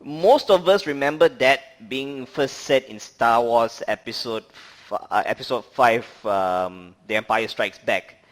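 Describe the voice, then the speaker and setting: A man's voice: medium pitch, a little slow, fairly bright tone. A man co-hosting a casual movie review chat, rambling with many fillers and laughing often. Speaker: podcast co-host.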